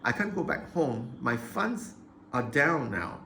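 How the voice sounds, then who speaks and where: A vlogger with a medium-pitched, sharp-toned voice rants to camera about his grievances, very animated yet slow-paced, agitated, repeating himself and tripping over restarts. There's slight background noise.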